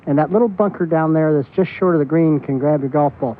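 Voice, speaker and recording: Higher-voiced male golf commentator, tinny sound. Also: fast. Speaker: golf analyst and player. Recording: tinny, noisy outdoor TV broadcast.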